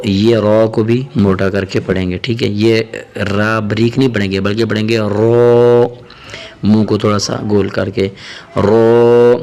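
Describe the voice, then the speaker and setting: A man with a Pakistani Urdu accent teaching Arabic letters, drawing out each letter name slowly between quick explanations. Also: fairly low pitch, a little mellow. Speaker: Quran teacher. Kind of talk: letter-by-letter pronunciation lesson.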